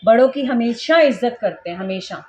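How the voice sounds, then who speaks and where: A woman's voice: fairly high pitch, expressive, moderate pace, darkish tone. A woman mother vlogging at home, talking to camera in an emphatic, lecturing way and scolding her child now and then. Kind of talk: casual vlog talking to camera. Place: indoors at home.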